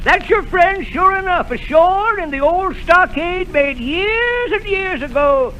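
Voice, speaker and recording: Ben Gunn, high wild castaway. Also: male voice, measured pace, heavily acted, low-quality recording. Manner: excitable, sudden whoops and cries. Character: wild-eyed old male castaway, jittery and cunning. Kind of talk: 1930s radio drama acting. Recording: old radio broadcast with faint hiss.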